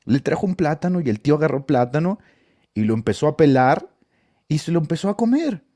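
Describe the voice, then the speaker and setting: A man's voice: fairly high pitch, sing-song, a little fast, dark tone. A man with a northern Mexican accent, a preacher telling church anecdotes in casual storytelling talk, laughing often as he goes.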